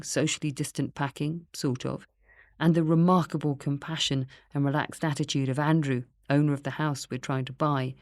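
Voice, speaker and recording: A woman with a low, deep-set voice reads her own memoir aloud in a quiet, earnest, reflective way. The recording is close and dry, with no room sound. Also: dry recording. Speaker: memoir narrator. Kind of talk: first-person memoir reading.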